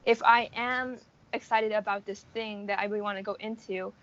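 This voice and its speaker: A late-teen college student from the United States, about 18 or 19, responds informally in an interview, hedging often as she explains things. Her mid-range voice is a bit bright, with fairly even intonation and a moderate pace, heard through dull audio.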